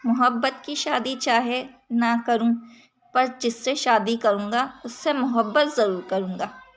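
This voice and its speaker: A woman reading the lines of a calm, principled young man who argues in a persuasive way, in her own voice. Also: fairly high pitch, a little slow, close to an everyday voice. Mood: earnest.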